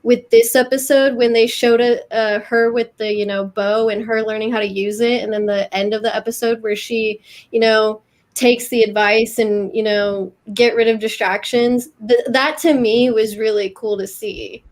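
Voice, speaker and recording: A woman's voice: on the high side, steady tone, moderate pace. A woman panelist on a live fan podcast, chatting casually and filling her talk with "like" and "you know".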